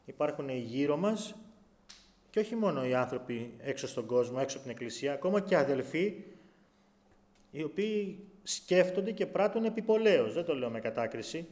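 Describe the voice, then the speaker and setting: A male preacher with a slightly higher-than-usual voice delivers a heartfelt sermon. He swings between hushed, intimate passages and loud, urgent exhortations. He raises his voice to act out pleading cries. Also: sing-song. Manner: acts out quoted pleas in a raised voice.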